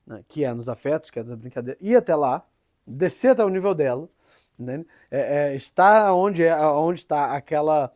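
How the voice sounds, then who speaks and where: A man's voice: on the high side, darkish tone, no echo, clean studio sound. A man with a Brazilian Portuguese accent gives an informal teaching talk, tagging many phrases with "né?" and often restarting.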